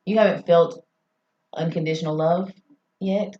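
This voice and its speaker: A woman's voice: fairly low pitch, fairly even intonation, measured pace. A woman from Arkansas, a guest on a podcast, talking in a reflective, rambling, casual way. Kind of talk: casual chat. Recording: roomy, slightly muffled podcast audio.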